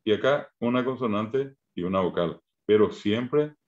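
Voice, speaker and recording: A man's voice: on the low side, lively intonation, a little mellow, highs cut off. A man with a Paraguayan Spanish accent teaching a Guarani class over a video call, patiently sounding out syllables one by one. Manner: patient, spells out syllables slowly. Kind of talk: online language lesson.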